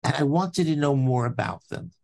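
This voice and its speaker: An older man from Brooklyn, a professor telling a story from his childhood in a podcast interview, slow and deliberate with dramatic pauses. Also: mid-range voice, vocal fry, darkish tone. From Brooklyn, New York. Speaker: anatomy professor, guest.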